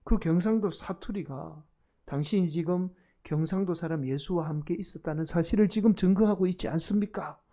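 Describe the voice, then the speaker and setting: A man's voice: sits high, moderate pace, dull audio. A male pastor voicing an accusing bystander who questions a suspect. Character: accusing Seoul bystander, adult.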